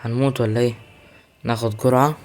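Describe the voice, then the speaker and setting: Young Egyptian man, rapid-fire gameplay commentary, excitable and chatty with viewers. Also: medium pitch, slight background noise. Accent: Egyptian Arabic. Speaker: gaming YouTuber.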